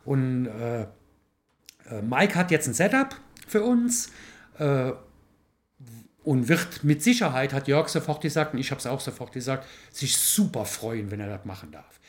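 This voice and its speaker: A man hosting a podcast, telling an anecdote in a casual, animated way with many fillers and tag questions. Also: mid-range voice, a little slow. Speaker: podcast host. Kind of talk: casual storytelling chat.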